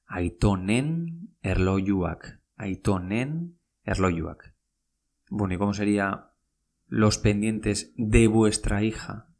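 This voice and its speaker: A man's voice: lowish voice, slow pace, a little mellow. A man teaching a podcast language lesson, patient and repetitive, spelling out words and saying each phrase twice.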